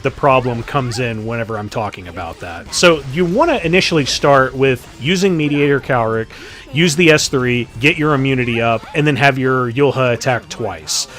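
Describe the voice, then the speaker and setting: A man's voice: medium pitch, a bit bright. A man giving casual, joking commentary over his game matches, swearing freely. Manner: profane, joking, offhand. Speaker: gaming commentator.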